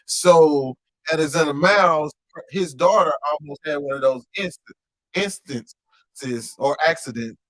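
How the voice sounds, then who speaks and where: A man from Louisiana, co-hosting a casual podcast and explaining things in a slow, laid-back way. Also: fairly high pitch, a bit bright. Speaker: podcast co-host.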